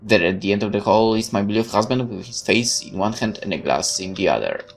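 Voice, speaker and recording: Brisk and gravelly, on the low side, a man hosts a let's play with music playing behind him and slight background noise. He reads the game's text aloud expressively, stumbling occasionally and adding asides.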